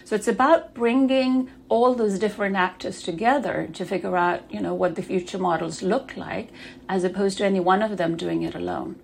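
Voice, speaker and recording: A woman from Denmark, a podcast guest, explaining her work in a measured, explanatory way. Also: medium pitch, fairly even intonation, creaky, slight background noise. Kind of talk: podcast interview.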